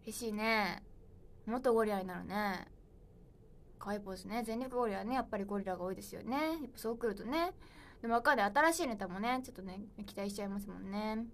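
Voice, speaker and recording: A woman's voice: medium pitch, fast talker, a little hiss or hum. A young woman in her twenties hosting a solo livestream, chatting playfully and reading viewer comments aloud. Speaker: idol livestream host. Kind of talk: casual livestream chat.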